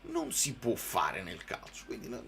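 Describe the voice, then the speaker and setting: A man's voice: on the low side, wildly swooping pitch, a little slow, vocal fry, a bit bright, slight background noise. Man doing casual football commentary. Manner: conversational, informal, chatting to viewers. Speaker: football live-stream commentator. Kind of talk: live match commentary mixed with casual fan chat.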